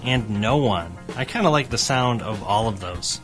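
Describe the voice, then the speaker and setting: A man's voice: medium pitch, animated, normal speed, music in the background. A man hosting a radio show, reading an upbeat scripted intro and then chatting easily with his guest. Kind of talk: hosted radio show chat.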